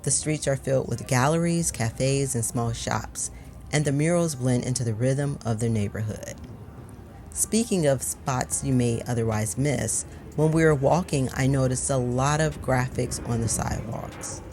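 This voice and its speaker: A measured, even-paced narrator reads a scripted travel voice-over at a middling pitch. Soft background music runs underneath the voice. The delivery is calm and steady. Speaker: vlog narrator.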